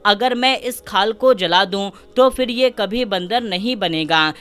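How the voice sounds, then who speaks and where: A woman voicing a meddling queen mother in a folk tale, muttering her schemes in a lowered voice. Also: a bit bright, clean tone, faint music behind, lightly acted. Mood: scheming.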